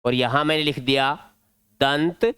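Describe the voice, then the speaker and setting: A man's voice: mid-range voice, fairly even intonation, a little slow, bright, forceful tone, clear, resonant tone, no room sound. A male teacher with a Rajasthani Hindi accent, explaining an exam-prep grammar lesson step by step at a board. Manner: step-by-step explaining, drilling points.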